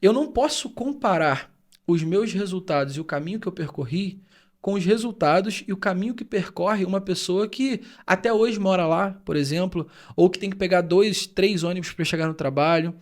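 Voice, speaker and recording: A podcast co-host from Rio de Janeiro state, Brazil, talks in a reflective conversation with an earnest, high voice at normal speed. He is thoughtful and explains things at length.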